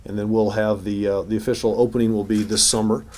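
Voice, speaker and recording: The recording carries a little hiss or hum as a mayor talks quickly at a city hall press conference. His voice is lowish and slightly mellow, his delivery flat, and his informal remarks and answers are peppered with restarts and fillers.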